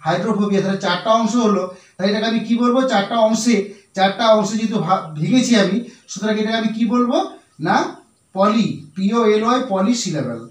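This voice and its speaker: A man with a high voice and a Bengali accent teaches vocabulary to his students. He talks patiently, repeating each word and spelling it out letter by letter. His voice rings in an echoey room, picked up from a distance. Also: quick pace. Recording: echoey room, voice far from mic.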